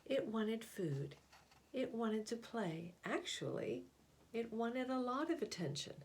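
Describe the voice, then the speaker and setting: This storyteller's voice is fairly high as she reads from a picture book, shaping each phrase deliberately and expressively and leaving pauses along the way.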